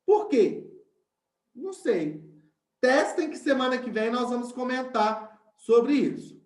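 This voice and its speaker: A man's voice: very high voice, expressive, slow, reverberant. A male science teacher, giving an online class and explaining step by step while often checking in with his students.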